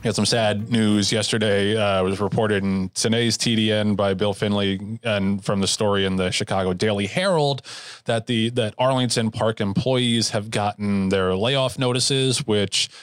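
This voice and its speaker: Male podcast co-host, lowish voice, dry mic, chatty and fired up. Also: fairly even intonation, moderate pace, smooth, no room sound. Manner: heated, frequent restarts and fillers. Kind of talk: casual chat.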